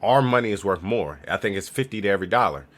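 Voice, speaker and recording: A man's voice: lowish voice, expressive, fast. A young man giving casual travel tips in a vlog, talking in slang and acting out other people's lines. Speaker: travel vlogger.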